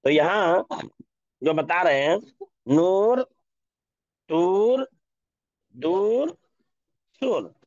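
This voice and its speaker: A male language teacher with a fairly high voice who speaks very slowly and says each example word twice for his class. The sound is dull and lo-fi, with a dry, close feel. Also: no echo. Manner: slow, repeats example words and phrases for drilling. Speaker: Urdu teacher.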